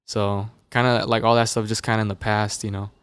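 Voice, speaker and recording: A young Las Vegas musician, a guest in a podcast studio, talks briskly into a dynamic studio mic. His voice is on the low side and clean, with no echo. During the casual interview chat he spins relaxed, loose stories thick with fillers.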